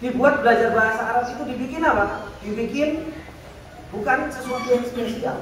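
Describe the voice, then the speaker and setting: A man's voice: very high voice, fairly even intonation, a little fast, fairly bright tone. A man giving a religious lecture, asking rhetorical questions and answering them himself. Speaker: Islamic teacher. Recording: echoey room, distant mic, faint noise.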